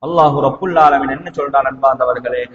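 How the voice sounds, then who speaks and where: A man with a medium-pitched voice and Sri Lankan Tamil accent preaches briskly, delivering an impassioned Islamic sermon in Tamil with Arabic quotations. He uses rhetorical questions and emphatic repetition, shifting between hushed and raised delivery. The audio sounds dull, with long reverb from the large echoing mosque hall and noticeable background noise.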